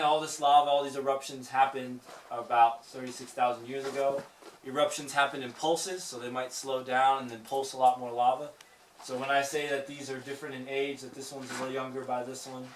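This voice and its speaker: A man guiding a tour inside a cave, explaining things informally and putting questions to the group as his voice echoes. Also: medium pitch. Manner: echoing cave guide, informal teacherly explaining; jokey asides. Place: inside a lava tube cave. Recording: echoey cave, distant mic, faint noise.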